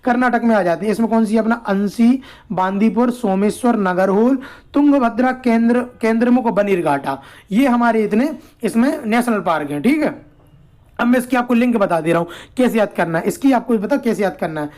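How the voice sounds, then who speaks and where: A man with a high-pitched, brisk, somewhat dark voice teaches an exam-prep lesson in a casual, explanatory style. He repeats points, poses questions and answers them himself, and checks in constantly with "theek hai."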